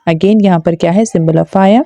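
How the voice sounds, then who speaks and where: A woman teaching Quran reading, spelling out syllables slowly and stretching them, then explaining quickly with English words mixed in. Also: on the low side, vocal fry, mellow, no echo. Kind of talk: spelled-out recitation lesson.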